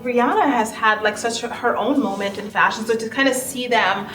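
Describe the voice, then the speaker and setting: A woman's voice: fairly high pitch, brisk, a bit bright, far from the mic. A woman co-hosting an awards pre-show with gushing, enthusiastic red carpet chatter, often checking for agreement. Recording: echoey room, off-mic, music behind. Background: music.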